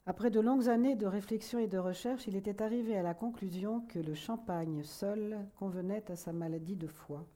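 A woman reading a literary novel aloud in a measured, soft manner that at times sinks to a whisper. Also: mid-range voice. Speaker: audiobook reader. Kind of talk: literary audiobook narration.

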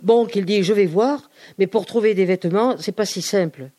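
A woman reading aloud and voicing a shy, soft-spoken male monk with a gentle, hesitant voice. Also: mid-range voice, moderate pace, no room sound, natural voice. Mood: pleading.

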